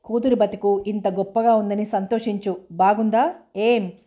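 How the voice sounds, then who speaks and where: Woman reading as a grieving young widow, angry, accusing, low-key storybook delivery. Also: steady tone, moderate pace, dull audio, lightly acted. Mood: furious, accusing. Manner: accusing, bitter outburst. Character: young newly widowed woman, grief-stricken and furious.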